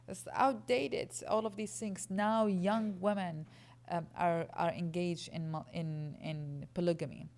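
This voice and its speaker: A woman's voice: on the low side, a little mellow. A woman from Iraq, earnestly explaining as a guest speaker answering audience questions at a lecture.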